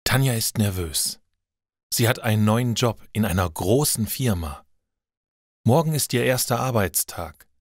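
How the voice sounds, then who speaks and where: A man reading simple stories aloud for language learners, slow and clear. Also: on the low side, lively intonation, no echo, clean studio sound. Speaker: narrator. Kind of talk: scripted narration for language learners.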